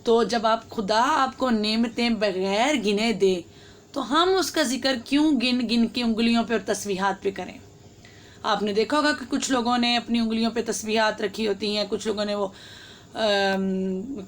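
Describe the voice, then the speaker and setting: A woman giving earnest devotional advice, urging listeners on and slowing down to spell out words. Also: on the high side. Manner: urging and reassuring, slows to spell out recitation. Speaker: religious YouTube host.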